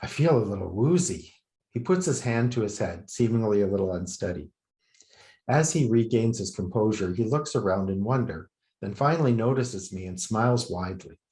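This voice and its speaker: A man reading his own short story aloud at a public reading, in a measured, low-key way. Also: darkish tone. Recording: roomy reverberant venue.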